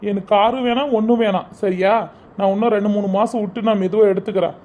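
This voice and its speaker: A performer playing a soft-hearted brother who gives in to his sister, speaking gently and consolingly. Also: mid-range voice, steady tone, fast, natural voice. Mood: giving in. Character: soft-hearted adult brother and husband, easily swayed.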